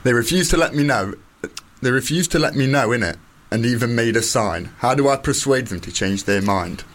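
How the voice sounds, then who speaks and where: A man's voice: medium pitch, lively intonation, a little fast, a bit bright. A man with a Nottingham accent co-hosting a radio show with casual comedy banter. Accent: Nottingham, England. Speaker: radio co-host.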